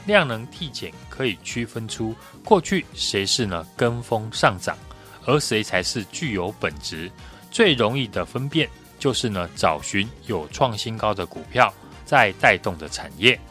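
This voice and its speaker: A man's voice: lowish voice, lively intonation, unhurried, a bit bright, faint music behind. A man with a Taiwanese Mandarin accent giving prepared stock market commentary as an analyst, explaining point by point.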